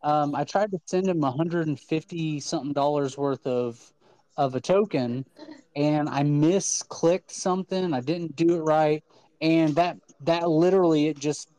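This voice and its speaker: A man's voice: a little high, a little slow, dark tone, smooth, dry recording, rough recording. A man co-hosting an online audio talk show, speaking in a casual, enthusiastic and persuasive way with frequent restarts. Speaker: co-host of a crypto talk show. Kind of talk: casual chat.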